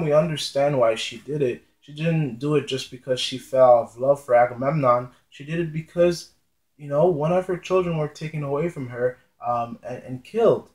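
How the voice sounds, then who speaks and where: A man's voice: fairly high pitch, echoey room, low-quality recording. A man casually retelling and explaining a classic play, hesitating often with ums and restarting his sentences. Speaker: literature explainer. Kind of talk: casual spoken play summary.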